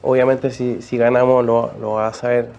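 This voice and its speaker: A middle-aged man with a Chilean accent, talking as a guest on a chat show. His voice sits in an average middle range. He speaks haltingly, restarting his phrases often. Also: mid-range voice, level tone, creaky, darkish tone. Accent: Chilean Spanish. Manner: halting, many restarts and fillers. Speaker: real estate guest. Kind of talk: casual talk-show chat.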